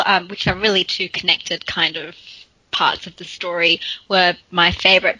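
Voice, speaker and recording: A woman's voice: fairly low pitch, sharp tone, no echo, low-quality recording. A woman co-hosting a casual film chat, emphatic and enthusiastic. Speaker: podcast co-host.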